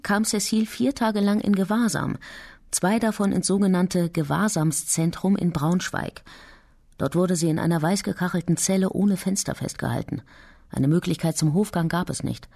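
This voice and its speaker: A woman giving a calm, measured documentary narration. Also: on the low side, vocal fry.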